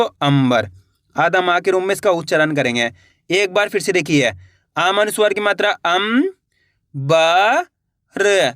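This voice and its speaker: A man teaching beginners to read, drawing out each word slowly and speeding up when he explains. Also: high voice, fairly bright tone, no room sound, clean studio sound. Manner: slow drawn-out word reading, faster when explaining; addresses viewers as friends, coaxing. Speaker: Hindi reading teacher. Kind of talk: phonics reading lesson.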